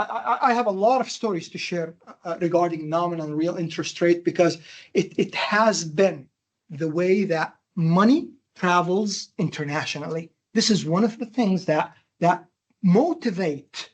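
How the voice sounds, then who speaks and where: A man from Jordan with a Jordanian accent giving a classroom lecture, animated and emphatic, firing questions at his students. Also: high voice. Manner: animated, emphatic, quizzing the audience with rhetorical questions. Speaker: university lecturer.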